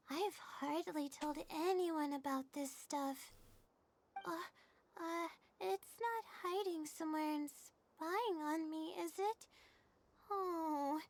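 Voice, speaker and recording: A woman's voice: extremely high pitch, full character voice. A woman voicing a shy, sleepy young female scholar in a video game, who talks hesitantly, rambles and often apologizes. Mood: timid musing. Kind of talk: video game character dialogue.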